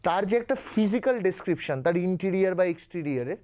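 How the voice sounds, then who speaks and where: A man with a Bengali accent teaching an exam coaching class, slowly explaining English words and reading passages in a mix of Bengali and English. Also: high voice, animated, warm tone. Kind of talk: online class lecture.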